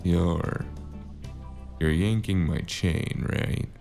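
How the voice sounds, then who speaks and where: Playing a weary, hard-boiled cyberpunk gun for hire, a man gives full character voice to noir first-person narration and audio drama dialogue, drawing out his words. The extremely low, fry-filled voice is dry and deadpan, sounding puzzled here, over plucked guitar music.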